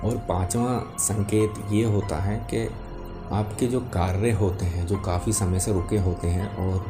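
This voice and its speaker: Male spiritual explainer, calm and gentle, level low-key melody, clearly audible music bed behind him. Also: unhurried. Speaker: spiritual teacher. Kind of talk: spoken religious explainer to viewers.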